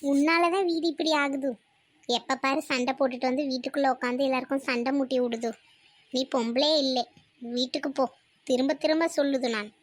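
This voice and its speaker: A woman's voice: high voice, steady tone, brisk, no room sound. A woman playing a sarcastic young daughter-in-law. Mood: scolding. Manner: sarcastic, scolding. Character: sharp-tongued young daughter-in-law, defiant. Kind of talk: cartoon voice acting.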